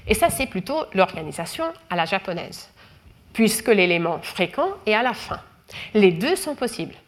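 Woman explaining research slowly. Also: mid-range voice, sing-song. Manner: careful, explanatory, with frequent fillers and restarts. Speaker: researcher lecturing. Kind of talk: explanatory lecture.

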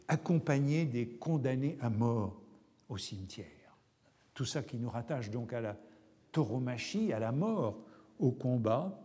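A man lectures at a slow, measured pace, his voice mellow and soft-edged. He pauses often and fills gaps with small hesitations as he reads passages aloud. His voice carries a long reverb, as if he is in a large hall. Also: medium pitch. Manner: deliberate, pausing with hesitations. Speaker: lecturer on literature.

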